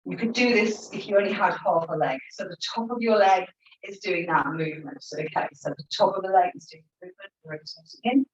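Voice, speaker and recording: A woman's voice: mid-range voice, animated, a little fast. A woman leads a Pilates class, encouraging the group as she counts reps and cues each breath in and out. Her voice carries a roomy echo and sounds a little dull and muffled. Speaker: Pilates instructor. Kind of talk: guiding an exercise class.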